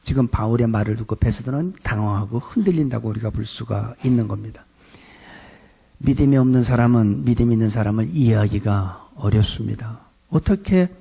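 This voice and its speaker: A man's voice: mid-range voice, vocal fry, mellow, slightly rough. A middle-aged male pastor preaching a sermon in a conversational way, acting out quoted lines in his talk.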